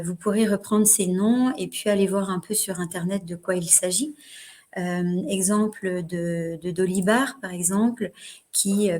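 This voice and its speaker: A woman leads an online business workshop in a slightly low voice. She hesitates constantly, filling gaps with fillers and restarting phrases as she explains her slides. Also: a little mellow. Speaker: trainer presenting a webinar. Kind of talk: live online workshop presentation.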